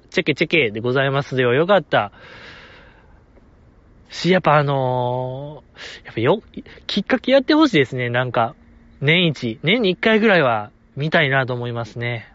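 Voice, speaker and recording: A man with a Kansai accent hosting a solo podcast, gushing like an excited fan and chuckling often as he talks. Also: mid-range voice, brisk, no echo. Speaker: podcast host. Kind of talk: casual solo podcast chat. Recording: dull lo-fi audio.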